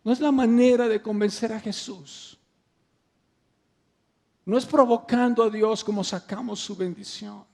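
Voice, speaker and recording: A man's voice: sits high, fairly even intonation, measured pace, creaky, long pauses, warm tone. A man preaching a sermon with impassioned, emphatic swells and rhetorical questions to the congregation.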